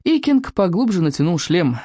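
Lively, dramatic audiobook narrator. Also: mid-range voice, no room sound. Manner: animated, dramatic storytelling with slowed, drawn-out suspense.

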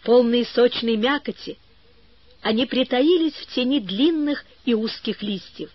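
Slow, measured woman storyteller. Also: fairly high pitch, no room sound, lo-fi sound. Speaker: narrator. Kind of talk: audiobook reading.

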